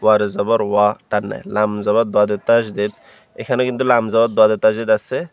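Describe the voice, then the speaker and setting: A man with a low, fairly monotone voice, clear and smooth, teaching Quran recitation step by step. He names each letter and mark, then sings out the syllables long and loud. The sound is close and dry, a little dull. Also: fairly quick, dry recording. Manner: spells letters aloud, then chants syllables loudly and drawn out. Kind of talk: spelling-out Quran recitation lesson.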